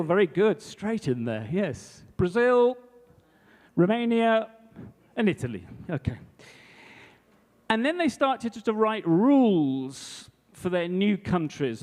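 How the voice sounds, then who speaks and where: A man's voice: sits high, a little mellow. Chatty man speaking in a reverberant hall. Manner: chatty storyteller, checks in with the audience. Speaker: English language teacher presenting to teachers. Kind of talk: anecdotal conference talk. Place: hall before a live audience.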